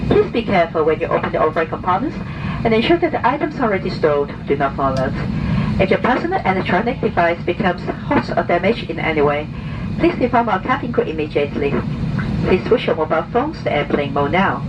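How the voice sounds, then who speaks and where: A woman reads formal, scripted flight announcements over a cabin loudspeaker. Her voice sits a little low and comes from far off, sounding muffled. A loud engine roar fills the background. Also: sing-song, fast talker, heavy background noise. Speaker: flight attendant. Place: aircraft cabin.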